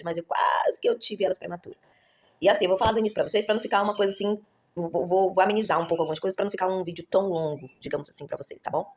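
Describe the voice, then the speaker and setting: In a low, slightly mellow voice, a woman talks to her viewers in casual vlog storytelling, drifting from point to point and correcting herself frequently. She's in her 30s, a mother who vlogs.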